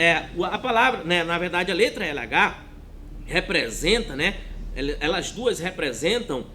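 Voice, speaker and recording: Slow, lively male teacher. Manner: slow, drawn-out, checks in with "né?" and "tá bom?". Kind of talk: recorded classroom lesson. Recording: faint rumbling noise.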